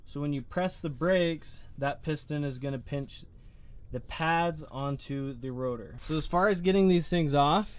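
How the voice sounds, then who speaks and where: A man's voice: on the high side, clean tone. A man casually explaining how to replace van brakes step by step, joking and using lots of fillers. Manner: relaxed, jokey, with many fillers. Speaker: DIY mechanic demonstrating a brake job.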